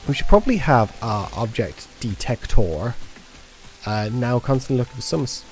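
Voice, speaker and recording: A man streaming a factory-building game, talking in a loose, jokey ramble. His pitch sits in the middle of the male range. Faint music plays under his voice. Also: animated, normal speed, darkish tone. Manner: rambling, jokey, sings to himself. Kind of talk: casual gameplay commentary.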